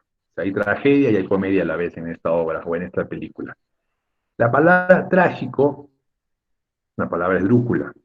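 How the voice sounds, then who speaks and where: A man's voice: low-pitched, husky, muffled recording. A man teaching a spelling lesson in an online class, chatty and joking with his students over a computer mic.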